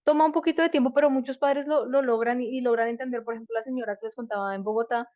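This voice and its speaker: A fast-talking woman with a highish voice and fairly even intonation runs a live online parenting workshop, explaining step by step. She fills her talk with rhetorical check-ins and many fillers. The audio is dull, dry and lo-fi.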